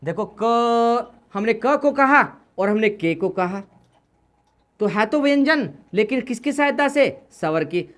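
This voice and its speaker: A woman teaching Hindi grammar, repeating key points and asking questions that she answers herself. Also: fairly high pitch. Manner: repetitive, asks questions then answers them. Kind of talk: classroom lesson explanation.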